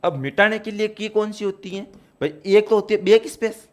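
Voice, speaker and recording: A man's voice: high-pitched, normal speed. A man teaching a computer exam-prep class, explaining step by step and repeating key points to his students.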